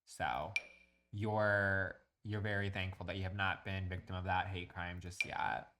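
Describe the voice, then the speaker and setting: A man's voice: deep voice, level tone, a little slow, sharp tone, faint music behind. A young man chatting casually while streaming a building game, ranting in crude, profane comic bits and reacting to chat.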